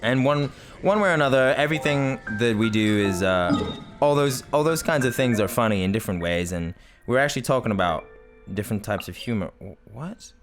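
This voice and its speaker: A man's voice: medium pitch, expressive, a little fast. A man hosting a let's play, chatting casually with lots of laughs and rambling restarts. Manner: rambling, laughing, self-correcting. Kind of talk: casual gameplay commentary. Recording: game music playing behind.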